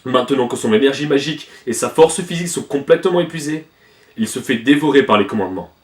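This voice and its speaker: A man voicing a grave young male fairy king, speaking low and solemnly. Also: animated, fast talker, roomy sound, far from the mic, natural voice.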